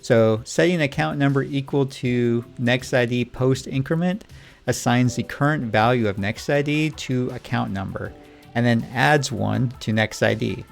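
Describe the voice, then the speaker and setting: A man's voice: mid-range voice, unhurried, gravelly, soft background music. A man teaching programming in a scripted lesson dialogue, patient and Socratic, asking questions to lead his student. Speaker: programming instructor.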